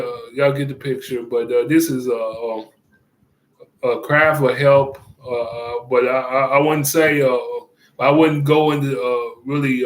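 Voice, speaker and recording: A man giving casual commentary, rambling and halting with many fillers and restarts, chuckling often. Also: medium pitch, roomy sound, low-quality recording.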